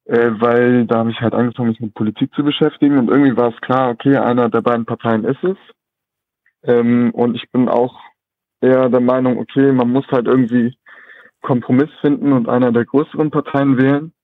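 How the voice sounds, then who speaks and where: A man's voice: medium pitch, fairly even intonation, fairly quick, no room sound. A twenty-year-old man heard over the phone, his voice thin and narrowed like a telephone line. The sound is dry and close, with no room around it. He talks hesitantly and fills gaps with many ums and uhs. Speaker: caller. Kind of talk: casual call-in chat.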